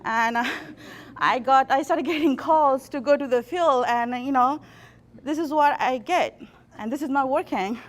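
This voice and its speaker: A woman's voice: high-pitched, unhurried. A woman, an extension plant pathologist from Nepal giving a workshop talk with dry self-deprecating humor and frequent restarts. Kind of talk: workshop presentation.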